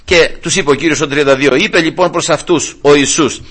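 A middle-aged man preaches a fervent sermon, retelling scripture scenes with voiced quotes and swinging between high, emphatic pleas and low murmurs. His voice is a bit bright with a breathy edge.

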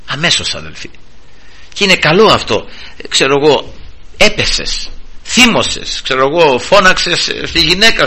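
A man preaching a sermon with fervor, repeatedly calling out to the congregation as brothers, with halting restarts and sudden swings in pitch and loudness. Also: husky. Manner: fervent, swings sharply up and down in pitch and volume; addresses listeners constantly as brothers, halting restarts.

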